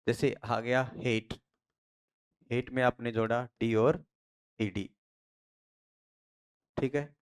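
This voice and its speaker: A man's voice: medium pitch, fairly even intonation, takes it slowly, pauses often, clear, resonant tone. A man from India teaching pronunciation in a classroom lecture. He asks his students questions, answers them himself and drills the key phrases again and again. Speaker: English teacher.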